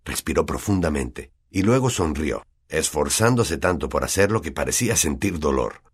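A man with a Latin American Spanish accent narrating an audiobook in an expressive storytelling manner. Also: a bass voice, moderate pace, husky.

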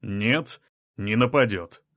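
A male reader voicing a calm, blunt man from another kind of people, level and matter-of-fact even about killing. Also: lowish voice, slow, dry recording, studio quality. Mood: cold resolve.

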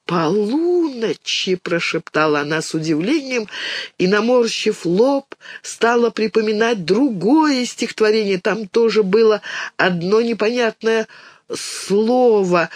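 An audiobook reader narrating a children's story in a lively, expressive way. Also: mid-range voice, unhurried, no echo, clean studio sound.

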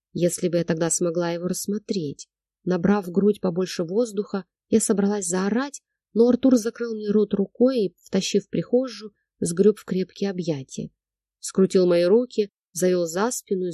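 A woman reading a novel aloud as first-person narrator, in a measured, emotional storytelling manner. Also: fairly low pitch, warm tone, no room sound, studio quality. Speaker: audiobook narrator.

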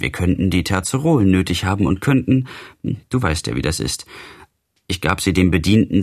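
A man's voice: deep voice, gravelly, breathy edge, full character voice. A man voicing Albert, a level-headed, matter-of-fact young man, in a literary audiobook reading.

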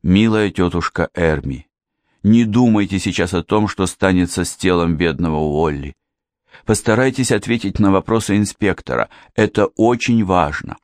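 A male narrator voicing a calm, kind young woman who speaks gently. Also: low-pitched, moderate pace, no echo, clean studio sound, lightly acted. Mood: coaxing.

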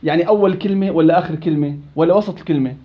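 A man's voice: a little high, racing, dull audio. A man teaching a Quran recitation class, quizzing students by name and teasing them. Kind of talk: interactive classroom lesson.

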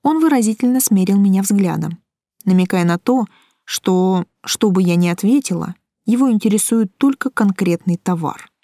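A woman reading a first-person audiobook in a calm, dry, wry manner. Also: mid-range voice, moderate pace, no room sound. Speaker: audiobook narrator.

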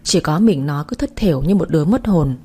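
A woman telling a story in narration, moving along briskly and evenly. Her voice is mellow and dark, with a breathy edge. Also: low-pitched, animated.

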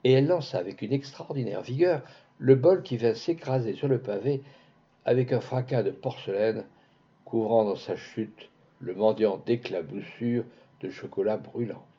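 Gravelly, expressive male storyteller. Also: mid-range voice, moderate pace. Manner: expressive, lively intonation. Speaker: narrator. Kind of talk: storybook reading. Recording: dull lo-fi recording.

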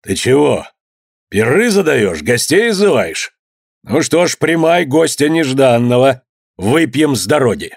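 A man reading a story aloud and voicing a stern, domineering old merchant father who barks gruff, mocking orders, in a dry, close recording. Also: mid-range voice, very animated, unhurried, no echo, full character voice. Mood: wrathful. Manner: loud, gruff, mocking commands.

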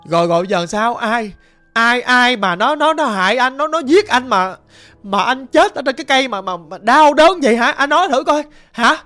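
A woman's voice: on the high side, lively intonation, normal speed, a bit bright, dry recording, faint music behind. A woman voicing a tearful middle-aged aunt pleading with a ghost, asking repeated questions. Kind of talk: ghost story narration.

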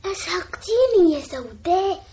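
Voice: very high voice, sing-song, moderate pace, warm tone, heavily acted. An actor playing a sleepy, irritable young boy in a classical Arabic radio drama, grumbling and sarcastic. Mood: annoyed.

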